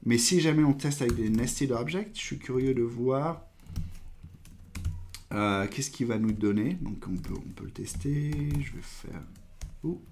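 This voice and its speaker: A man's voice: medium pitch, measured pace, darkish tone, slight background noise. A man hosting a live coding stream, thinking aloud with hesitations and trailing phrases while he tests code and reads viewer questions.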